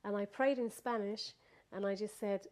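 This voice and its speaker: A woman's voice: mid-range voice, steady tone, normal speed, a little mellow. A woman recounting a personal experience in casual spoken storytelling, laughing often and restarting her sentences.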